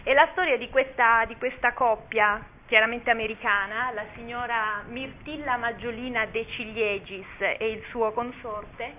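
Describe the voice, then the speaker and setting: A woman giving an informal talk about a children's story, speaking hesitantly with many pauses and restarts. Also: a little high, fairly even intonation. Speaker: speaker presenting a children's book. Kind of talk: informal talk with read-aloud passages. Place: talk at a cultural gathering. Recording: tinny phone-like lo-fi audio, faint hiss.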